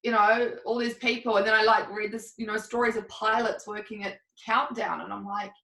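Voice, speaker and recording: A woman's voice: mid-range voice, little pitch movement, a little fast, vocal fry, pushed and bright. A woman co-hosting a podcast in a casual chat, rambling and candid, laughing often. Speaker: podcast co-host. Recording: roomy, a bit distant from the mic.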